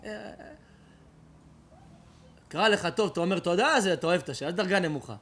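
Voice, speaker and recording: A rabbi delivers an emotional storytelling sermon, swinging from loud outcries to hushed tones. His voice is high and bright, with a forceful edge. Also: lively intonation, breathy edge. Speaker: rabbi and preacher.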